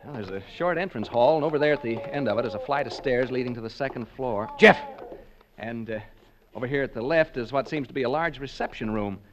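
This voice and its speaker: Playing a doubtful, joke-cracking radio reporter on a ghost hunt, this actor talks fast in a natural, mid-range voice, a crowd audible behind him. The tone is jokey and breezy, chatting to the audience in 1940s acting style, heard through dull, vintage radio sound.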